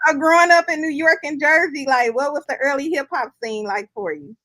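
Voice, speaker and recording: A woman's voice: high voice, fairly quick, bright, forceful tone, low-quality recording. A woman from St. Louis hosting a casual interview, asking questions with many fillers. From St. Louis, Missouri. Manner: hesitant, many fillers and restarts. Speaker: interview host.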